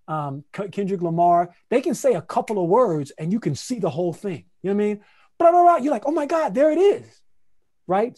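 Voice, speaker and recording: Male playwright-teacher, high voice, animated, scats rhythms, casual workshop delivery. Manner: conversational, repeats phrases for emphasis. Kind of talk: lively online workshop teaching.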